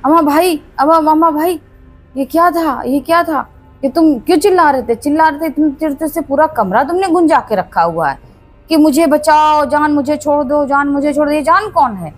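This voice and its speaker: A woman's voice: sits high, normal speed, faint music behind, voice pushed up, natural voice. A woman voicing an exasperated young hostel roommate who scolds his friend.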